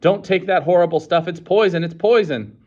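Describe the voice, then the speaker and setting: Guy doing a loud wild young outsider, way high and ringing, earnest, kinda dull lo-fi audio. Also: little pitch movement, fast, natural voice. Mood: pleading. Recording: dull lo-fi recording.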